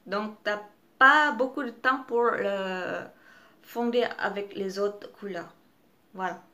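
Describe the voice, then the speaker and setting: Young woman, non-native French speaker, unhurried, halting beauty-vlog review full of fillers and restarts. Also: mid-range voice, sharp tone. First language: not French. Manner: hesitant, many fillers and restarts. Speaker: beauty vlogger. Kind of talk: casual product review.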